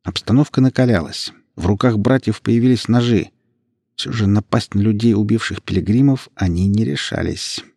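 A man narrating a story in a steady, even reading voice. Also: fairly low pitch, moderate pace, vocal fry, husky, no echo, clean studio sound. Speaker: audiobook narrator. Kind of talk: scripted narration.

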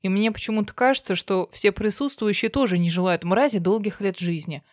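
A woman's voice: mid-range voice, fairly quick, dry recording, studio quality, lightly acted. A woman voicing a blunt, harsh man who speaks curtly and coldly. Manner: curt, coldly mocking.

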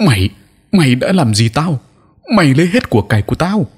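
A man's voice: sits low, expressive, moderate pace, fairly bright tone, heavily acted. A man voicing an evil old male sorcerer who cackles and screeches curses in an audio story. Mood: frantic rage.

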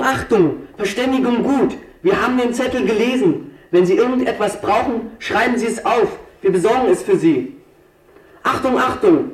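A young loudspeaker announcer. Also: male voice, high-pitched. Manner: repeated formal announcer calls. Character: eager young male helper announcing over a loudspeaker. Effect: voice through a large loudspeaker. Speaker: neighborhood youth making loudspeaker announcements. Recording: echoey loudspeaker from far off.

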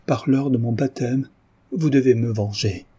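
Guy doing a desperate young woman, pleading and fervent, husky, mellow. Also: mid-range voice, a little slow, pitched above the performer's own voice. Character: distraught young woman, passionate and defiant.

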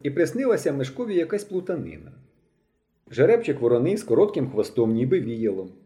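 A male narrator reads a novel aloud in a dark, mellow voice. His delivery is expressive and dramatic, and he leans into the tense moments. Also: medium pitch, brisk. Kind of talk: audiobook reading.

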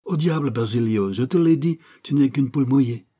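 A man's voice: medium pitch, fairly quick, dark tone, slightly rough, voice pushed up, natural voice. A man voicing a menacing male crook with an English accent, sarcastic and threatening, in an audiobook.

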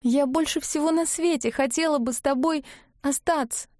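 A woman reading as an anxious young witch, high and strained, her voice climbing far above a narrator's usual pitch. She sounds shrill and pleading, in a dark, mellow storybook tone with a dry, close sound. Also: unhurried, dry recording.

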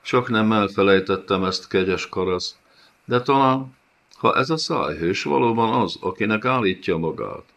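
A sly, flattering courtier , as a male audiobook reader puts him on, who speaks in a smooth, fawning way. His voice sits somewhat above the deep narration. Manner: smooth, fawning, feigning regret.

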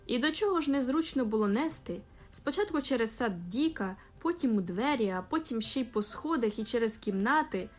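A woman's voice: on the high side, expressive, brisk, few pauses, soft background music. A woman reading an audiobook voices Ned, a chatty young man who complains and exaggerates. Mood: grumbling.

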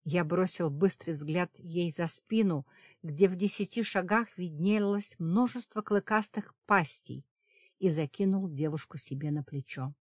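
A woman reading a fantasy audiobook as first-person narration, in a steady dramatic storytelling manner. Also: on the low side, a little slow, dry recording, studio quality. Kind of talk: scripted narration.

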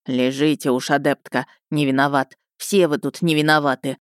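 Brief: woman voicing a gruff older male rector for a fantasy audiobook, deep and clipped, close dry read. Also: fairly even intonation, normal speed, dry recording, close to an everyday voice. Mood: stern. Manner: curt, weary, authoritative.

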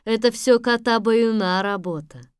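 A woman voices a wise young maiden from a fairy tale who speaks in a calm, measured way. Her voice is high and unhurried, and it is recorded close and dry. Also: clear, resonant tone, dry recording, natural voice. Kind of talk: audiobook radio play.

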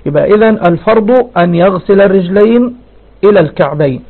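A man's voice: sits high, quick pace, slightly rough. A man giving a religious lesson, reading lines of a text and explaining them with rhetorical questions. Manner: reads verses then explains with rhetorical questions. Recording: phone-like narrow band.

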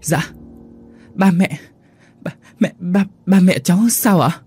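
Man putting on a high sobbing young girl in a sad storybook tale. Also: slow, a little mellow, faint music behind. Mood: stunned. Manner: sobbing, crying out. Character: grieving thirteen-year-old village girl.

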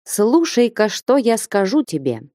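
Stern elderly merchant father, solemn and emphatic, mellow voice, read by a woman. Audiobook. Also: mid-range voice, sing-song, a little slow, no room sound, clean studio sound, voice pushed up. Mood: fatherly.

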